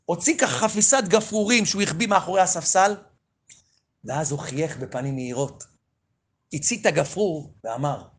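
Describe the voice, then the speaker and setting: A rabbi telling a story in a sermon, swinging from loud pleading to hushed near-whispers. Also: male voice, a little high, husky.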